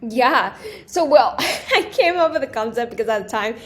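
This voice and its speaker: A woman's voice: fairly high pitch, moderate pace, noisy background. A young woman from Taiwan, a guest on an interview show, chatting casually and eagerly with frequent restarts and fillers. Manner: animated, with many restarts and fillers. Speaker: guest, small business creator.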